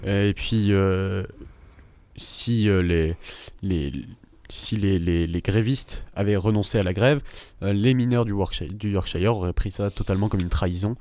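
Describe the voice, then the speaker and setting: Un jeune homme, co-animateur d'une émission de radio, qui présente un sujet avec de nombreuses hésitations. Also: male voice, low-pitched, unhurried, a little mellow, no echo. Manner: hesitant, many fillers. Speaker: co-host. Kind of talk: radio show presentation.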